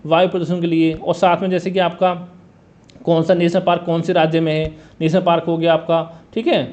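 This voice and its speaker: A man coaching exam candidates in Hindi, briskly setting out a study plan and often checking in with "theek hai" and "dosto". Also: on the high side, a little mellow, lo-fi sound. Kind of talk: exam strategy talk.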